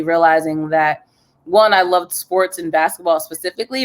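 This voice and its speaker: Upbeat young woman from New Jersey. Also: lowish voice. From New Jersey, USA. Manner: upbeat, chatty, laughs often. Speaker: guest, news journalist. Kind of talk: casual interview over video call.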